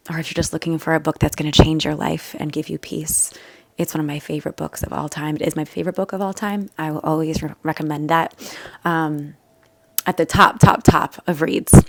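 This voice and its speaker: A woman's voice: low-pitched, no room sound. A young woman vlogger telling a personal story in a chatty, emotional, rambling way with many fillers. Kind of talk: casual storytelling to camera.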